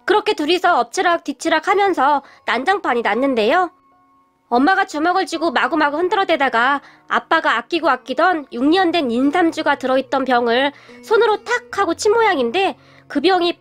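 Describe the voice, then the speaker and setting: A woman narrating a listener's story in a steady, even way. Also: sits high, brisk, faint music behind.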